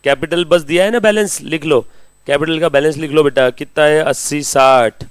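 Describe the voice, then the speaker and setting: A chatty, teasing male teacher addresses a live class, slipping into speech. His voice sits a little high for a man. The recording is dry and close, little room sound. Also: normal speed, clear, resonant tone, no echo. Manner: chatty, teasing, calls students beta and munna. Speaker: accounting teacher.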